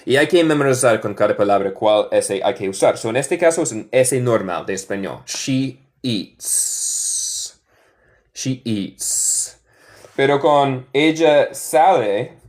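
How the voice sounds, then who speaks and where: A young American man teaching English in Spanish on a live stream, patient and encouraging, modeling words slowly. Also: mid-range voice, lively intonation, a little mellow. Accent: American, speaking Spanish as a learner. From northern United States. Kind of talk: live-streamed language class.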